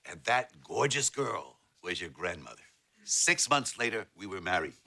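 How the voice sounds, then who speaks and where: A man's voice: low voice, very animated, moderate pace, creaky, sharp tone, heavily acted. An older actor playing a grumpy, wisecracking husband and grandfather in a sitcom, with dry, grumbling delivery. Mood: wry. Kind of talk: sitcom acting.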